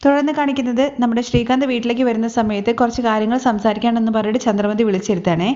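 A woman rattles through a TV serial recap at a breakneck pace, her voice a touch high. She keeps it chatty, tossing in a friendly "you know" as she goes. The sound is dull and lo-fi. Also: fairly even intonation, very fast, warm tone. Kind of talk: casual retelling of a TV serial episode.

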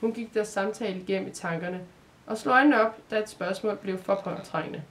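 Woman storyteller from Denmark, calm measured storybook reading, medium pitch. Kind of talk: storybook narration.

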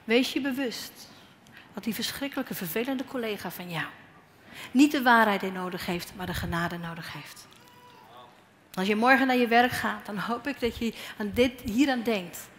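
A woman's voice: on the high side, moderate pace. A woman preaching a sermon, telling personal stories and acting out the dialogue, her voice a bit strained. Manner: animated storytelling, acting out dialogue. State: slightly strained voice. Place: church hall. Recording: echoey hall with faint noise.

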